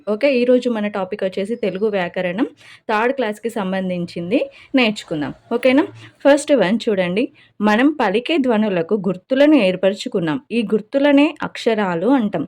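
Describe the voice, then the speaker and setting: A woman's voice: medium pitch, a little mellow. A woman giving an exam-prep grammar lesson. She asks questions, answers them herself, and keeps checking that her listeners follow. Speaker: teacher.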